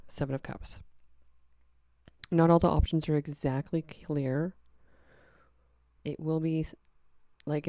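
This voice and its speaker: A woman doing a casual, chatty tarot reading, animated and breaking into sung-out phrases. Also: sits low, dry recording, studio quality. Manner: chatty, animated, sings out snippets. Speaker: tarot reader.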